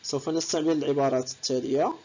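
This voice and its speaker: A woman teaching French, saying each phrase slowly and then translating it. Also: deep voice, fairly even intonation, warm tone, slightly rough, highs cut off. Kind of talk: language lesson, explaining in Arabic.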